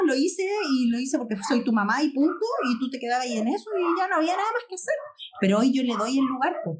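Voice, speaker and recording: A woman's voice: a little high, a little mellow, a little hiss or hum. A Chilean woman who is a healing specialist, explaining parenting earnestly in a live stream conversation and acting out quoted parents. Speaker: inner child healing specialist.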